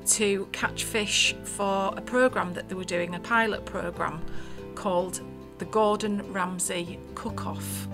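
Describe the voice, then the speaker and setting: Woman shopkeeper telling amused anecdotes. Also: mid-range voice. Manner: chatty, amused, with light laughs. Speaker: shop owner. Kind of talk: casual anecdote interview.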